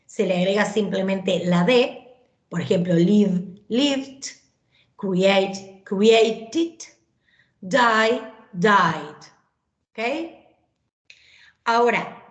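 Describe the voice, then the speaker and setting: A woman, teaching an English class online. She explains grammar patiently, with frequent fillers and tag questions. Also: medium pitch. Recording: echoey room.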